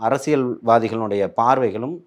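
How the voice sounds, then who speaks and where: A man argues as a party spokesman in a political interview. He talks in a combative way and keeps firing rhetorical questions. His pitch sits in an ordinary middle range for a man. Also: a little slow.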